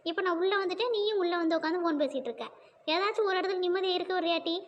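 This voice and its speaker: A woman voicing a defiant, sharp-tongued younger sister in a cartoon. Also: extremely high pitch, very fast, highs cut off. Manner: mocking, defiant. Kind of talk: cartoon voice acting.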